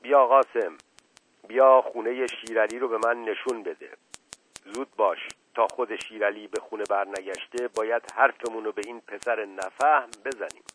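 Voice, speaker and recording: A man's voice: lowish voice, fairly bright tone, a little hiss or hum, natural voice. A man putting on an imperious old patriarch. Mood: commanding. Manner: imperious, indignant. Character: commanding older male family patriarch. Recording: tinny phone-like dry recording.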